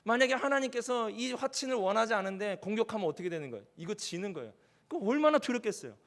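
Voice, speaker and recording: Pastor guy preaching, high voice, lively, acts out the quotes, gets everyone reading along. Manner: animated, acts out quoted speech and leads the congregation in reading. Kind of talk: sermon.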